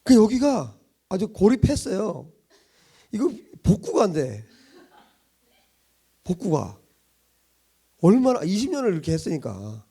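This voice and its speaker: A man's voice: sits high, warm tone, slightly rough. A middle-aged man pastor giving a sermon in a conversational style, chuckling often and asking many rhetorical questions.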